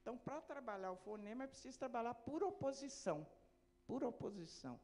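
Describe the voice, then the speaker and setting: A woman's voice: on the high side, animated, a little fast, darkish tone. A woman giving an academic lecture on early literacy. She explains step by step, posing rhetorical questions and answering them herself.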